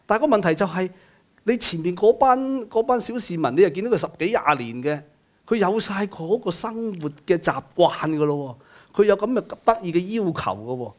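A man's voice: sits high, lively intonation, a little fast. A man, an interviewer laying out a long, argued question step by step. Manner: argumentative, builds a case step by step.

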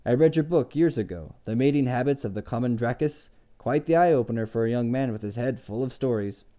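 A man's voice: medium pitch, brisk, mellow, natural voice. A man reading aloud and voicing a guarded innkeeper with a dry, cutting, sarcastic way of talking. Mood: sardonic. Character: guarded sardonic male innkeeper, middle-aged.

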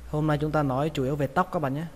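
A man's voice: fairly high pitch, fairly even intonation, very fast, a little mellow. A man with a Vietnamese accent teaching English pronunciation, patiently repeating each word. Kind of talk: pronunciation lesson. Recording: long reverb, faint ambient noise.

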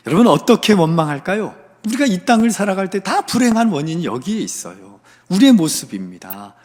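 A man's voice: on the high side, darkish tone, breathy edge. A man preaching at a dawn prayer service as pastor, dramatically voicing the parable's characters and dropping to near whispers. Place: church sanctuary. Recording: long church hall reverb.

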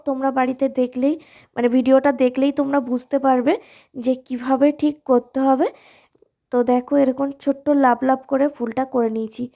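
A woman, hoarse from a cold, casually walking viewers through a step-by-step craft tutorial in a friendly, direct way. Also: high-pitched, mellow. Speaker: alta design tutorial host.

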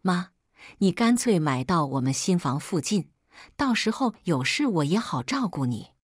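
A woman's voice: fairly low pitch, very animated, normal speed, no echo, studio quality. A woman voicing a tired but determined young woman in a story. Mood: resolute. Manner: weary, resolute. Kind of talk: scripted story narration.

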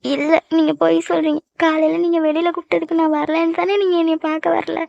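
A hurt young girlfriend in a cartoon pleads and accuses through tears in a high, gravelly, fairly monotone voice. The recording sounds dry and muffled. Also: quick pace, no echo. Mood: tearful. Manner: pouting, accusing, crying. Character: young woman, sulking tearful girlfriend. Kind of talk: cartoon voice acting.

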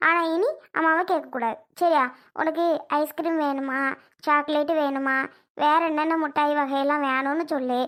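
A high-pitched old grandmother, played by a woman, who scolds her son bluntly. She turns syrupy and coaxing when she talks to the little girl. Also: fairly even intonation, normal speed, fairly bright tone. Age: older. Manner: scolds the son, coaxes the child sweetly.

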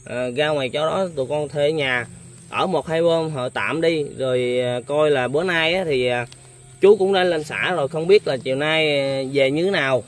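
A man's voice: on the high side, moderate pace. A young man hosting a casual interview, speaking politely with many hesitant fillers. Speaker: vlogger host.

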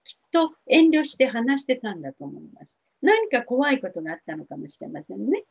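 A middle-aged woman counselor giving gentle, reassuring advice to TV viewers, with many fillers. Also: fairly high pitch, very animated, brisk, vocal fry, slightly rough. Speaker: spiritual counselor answering viewer questions. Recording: dull lo-fi TV audio.

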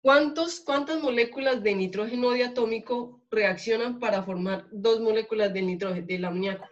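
A Colombian woman teaches a chemistry lab class, pausing often to ask her students whether they follow. The recording is dull and lo-fi, made in a classroom. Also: a little high. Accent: Colombian Spanish. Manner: checks in often with questions to students. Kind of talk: classroom lecture.

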